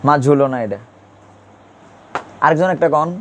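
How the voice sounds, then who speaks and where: A man's voice: fairly high pitch, lively intonation, moderate pace, a little hiss or hum. A man teaching an Urdu grammar class, speaking colloquially and patiently drilling pronunciation with repeated questions to his students. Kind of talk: classroom lesson.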